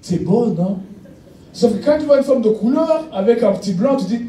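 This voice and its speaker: A man's voice: very high-pitched, animated, fast talker, dark tone, a little hiss or hum. A man from Africa, performing a chatty stand-up comedy routine and talking straight to the audience. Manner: chatty, teasing, addresses the audience directly. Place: comedy stage. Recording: roomy sound, distant mic.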